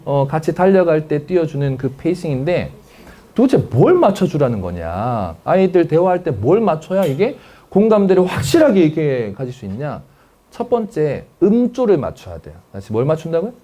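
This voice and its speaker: A man's voice: on the high side, big pitch swings, moderate pace, warm tone. A man giving a lecture to parents as a counselor, acting out family dialogues and often checking that the audience follows.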